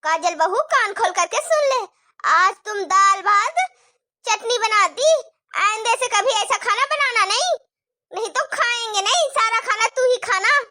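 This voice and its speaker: A woman's voice: very high voice, lively intonation, a little slow, dry recording, clean studio sound, exaggerated voice. A woman voicing a nagging, taunting middle-aged mother-in-law in a cartoon story. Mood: scolding. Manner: sharp, taunting, complaining.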